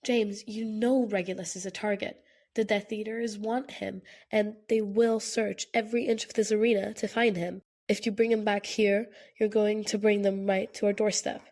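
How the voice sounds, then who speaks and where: A woman voicing a blunt, sharp-tongued young man in an audiobook, harsh and challenging. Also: medium pitch, flat delivery, moderate pace, close to an everyday voice. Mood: pleading, harsh.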